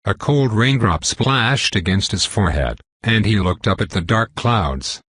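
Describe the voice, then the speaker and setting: A man narrating a story in an even, flat reading style. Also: fairly low pitch, unhurried, breathy edge, no echo. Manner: even, flat reading that voices symbols aloud. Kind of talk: audiobook narration.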